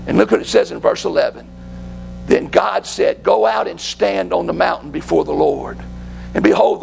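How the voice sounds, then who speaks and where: Gravelly preacher, high voice. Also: male voice, slight background noise, low-quality recording. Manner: fervent, dropping to hushed whispers. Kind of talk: sermon. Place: church.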